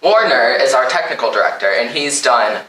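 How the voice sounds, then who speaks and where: A young man hosting a casual interview show, upbeat and chatty, quick to laugh. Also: medium pitch, lively intonation, sharp tone. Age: young adult. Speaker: talk show host. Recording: echoey room, mic at a distance.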